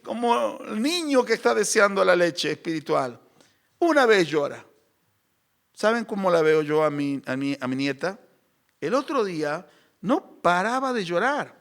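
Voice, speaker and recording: A middle-aged man, preaching a sermon and acting out crying and shouting. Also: sits high, measured pace. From Argentina. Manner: animated, acts out crying babies and shouts. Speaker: pastor.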